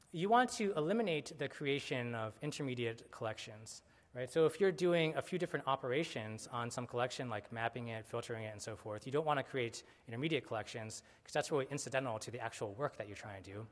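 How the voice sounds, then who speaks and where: A man giving a technical conference talk in a casual way, with many fillers and self-corrections. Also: medium pitch. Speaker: conference speaker. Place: conference hall. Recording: lecture hall with long reverb.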